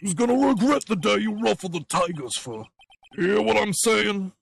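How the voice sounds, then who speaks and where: A man voicing a loud, threatening male mob boss with a put-on Brooklyn accent, in a voiced game playthrough. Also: high voice, animated, normal speed, full character voice. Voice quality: gravelly, bullying.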